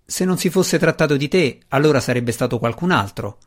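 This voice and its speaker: An earnest, wry dark elf warrior, voiced by a male narrator. He talks in a pressing, slightly raised voice, as he pushes a friend in a fantasy audiobook. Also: medium pitch, animated, normal speed, lightly acted.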